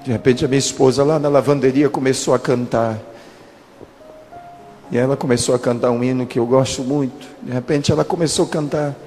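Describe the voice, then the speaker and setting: A pastor in his thirties telling a dramatic testimony in a sermon, with slow emphatic pauses. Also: mid-range voice, steady tone, a little mellow. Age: 30s. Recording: long church-hall reverb with music.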